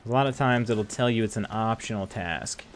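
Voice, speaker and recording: A man's voice: lowish voice, normal speed, a little hiss or hum. A man casually commenting while playing a game on stream, in a laid-back, chuckling manner.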